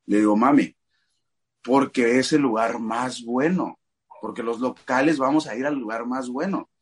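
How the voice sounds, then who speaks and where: Husky Mexican man telling a story. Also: medium pitch, normal speed. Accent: Mexican Spanish. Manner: animated storyteller acting out quoted voices. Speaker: guest, father. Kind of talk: casual storytelling chat.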